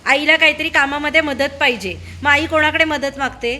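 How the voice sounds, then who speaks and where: A woman with a high, bright voice questions a room of schoolchildren in casual chat. She coaxes and prods, asking the same thing again until they answer. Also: steady tone, fairly quick. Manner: prodding, coaxing with repeated questions.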